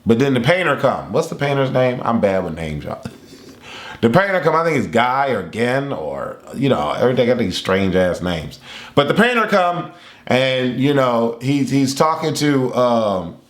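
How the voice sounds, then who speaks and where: Male anime reviewer, casual and rambling, animated and laughing, middle pitch, recorded with room echo. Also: normal speed. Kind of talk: casual chat. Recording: roomy echo.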